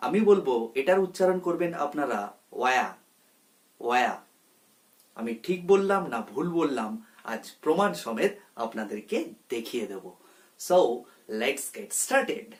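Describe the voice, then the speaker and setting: A man teaching a pronunciation lesson, repeating each word slowly and explaining it step by step. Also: fairly high pitch. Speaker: English tutor.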